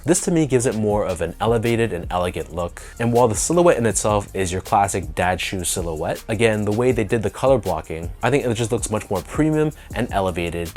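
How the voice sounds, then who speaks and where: A Canadian man hosting a sneaker review video, sounding nasal from a sinus infection, talking in a relaxed, enthusiastic way with drawn-out emphasis. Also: lowish voice. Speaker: sneaker channel host. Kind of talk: casual review talk to camera.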